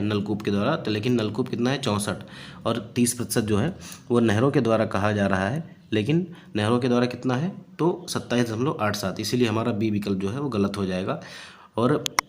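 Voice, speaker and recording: A man, a coaching teacher working through past exam questions, explaining each answer with fillers and repeated phrases. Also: fairly low pitch. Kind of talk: exam-prep lecture solving past questions.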